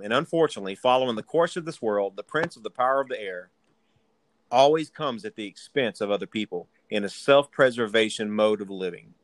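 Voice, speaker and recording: A man's voice: medium pitch, a bit bright, dry recording, rough recording. A man with a Southern US accent preaching a sermon, stressing key words and repeating phrases for emphasis. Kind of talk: sermon teaching.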